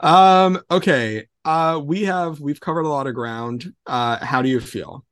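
Male podcast co-host, dry close recording, agreeable, relaxed chat. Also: a little high, a little slow, clear, resonant tone, no echo. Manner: easygoing, agreeable, laughs along. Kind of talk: casual chat.

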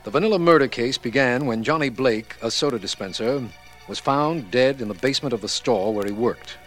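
An actor playing an earnest, proper district attorney in a 1940s radio detective drama, speaking in a factual, clearly articulated way. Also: male voice, medium pitch, a little fast, fairly bright tone, faint music behind, lightly acted. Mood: formal narrating.

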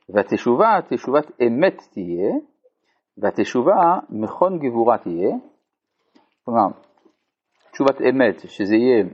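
A man's voice: mid-range voice, a little mellow, breathy edge. A man teaching a Torah lesson to a live group, reading a passage aloud and explaining it phrase by phrase. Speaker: rabbi teaching a text. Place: community study hall. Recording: dull lo-fi recording.

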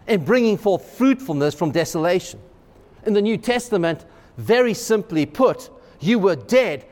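A man preaching a sermon as pastor, emphatic and excitable, driving home repeated refrains. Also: high-pitched. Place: church sanctuary. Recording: long hall reverb.

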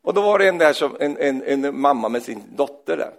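A man preaching a sermon, animated, asking "va?" after his points and swinging from loud exclaims to quiet scripture reading. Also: on the high side. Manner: tag questions "va?" after points.

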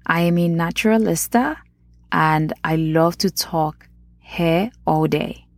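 A woman's voice: deep voice, slow, vocal fry, no echo. A woman with a Nigerian accent hosting a podcast, chatting casually and talking straight to her listeners. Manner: chatty, addresses listeners directly. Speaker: podcast host.

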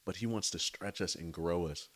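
Deep-voiced man preaching casually outdoors. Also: moderate pace. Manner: enthusiastic, conversational, often says "right?" and "y'all". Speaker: faith speaker. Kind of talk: casual devotional talk.

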